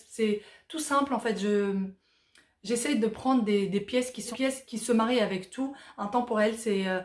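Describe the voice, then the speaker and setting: A woman's voice: a little high, reverberant. Chatty woman in her thirties. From Morocco. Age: 30s. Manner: chatty, reads out viewer questions then answers with many fillers. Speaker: vlogger answering viewer questions. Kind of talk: casual Q&A vlog.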